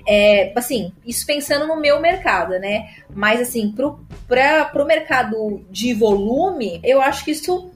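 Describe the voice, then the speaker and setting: A woman's voice: fairly high pitch, lively intonation, a little slow, hardly any pauses, faint music behind. A woman sommelier with a Brazilian Portuguese accent, explaining at length in casual chat with many filler tags and restarts. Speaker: sommelier guest.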